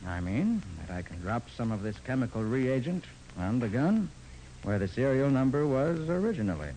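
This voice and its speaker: An actor playing a confident, persistent detective with a firm, clipped way of explaining, in 1940s radio drama style. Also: male voice, mid-range voice, very animated, moderate pace, warm tone, a little hiss or hum, lightly acted, low-quality recording.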